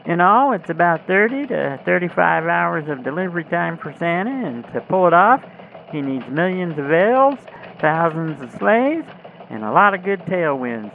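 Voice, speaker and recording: An earnest, excitable Christmas elf sky reporter played by an actor explains things emphatically in a mid-pitched voice. It comes through a thin, phone-like radio link with engine noise behind, as a scripted holiday field report. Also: moderate pace, vocal fry. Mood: earnest, eager.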